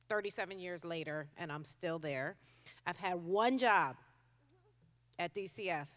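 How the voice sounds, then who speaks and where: A woman in her fifties from Connecticut, USA, a child welfare commissioner, gives a conversational keynote speech at a conference, using frequent ums. Her voice is fairly low and fairly bright, and long reverb from the large, audience-filled hall carries through the recording.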